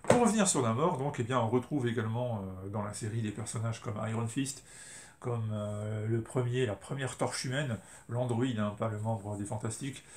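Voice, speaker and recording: A man's voice: lowish voice, moderate pace, darkish tone. A middle-aged man from France, casually reviewing comics as a video host, chatty with many fillers and self-corrections. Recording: roomy echo, faint ambient noise.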